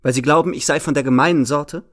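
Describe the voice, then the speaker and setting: A man's voice: on the high side, fairly even intonation, fast talker, lightly acted. A man reading the lines of a proud, scornful young woman in a novel, in a cold and contemptuous tone.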